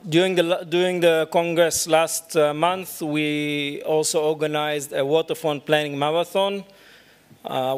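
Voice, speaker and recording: Middle-aged male keynote speaker, slightly high voice, halting delivery with lots of fillers, podium mic in a big hall. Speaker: keynote speaker, urban planner. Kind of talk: conference keynote lecture. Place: large dark lecture hall at a podium. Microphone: podium microphone.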